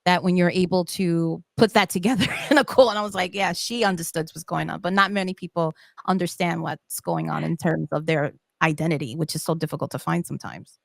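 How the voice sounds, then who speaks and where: A woman hosts an interview podcast with a lowish voice, upbeat and affirming toward her guest, with easy laughs in between. Her voice sounds close and dry, with no room around it. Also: fairly even intonation, brisk, creaky, hardly any pauses, dry recording. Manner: enthusiastic and affirming, laughs often. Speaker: podcast host. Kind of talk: conversational interview hosting.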